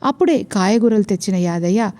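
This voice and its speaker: A woman's voice: medium pitch, lively intonation, a little fast, dark tone. A woman narrating a romance audio story, telling it steadily and voicing every character herself.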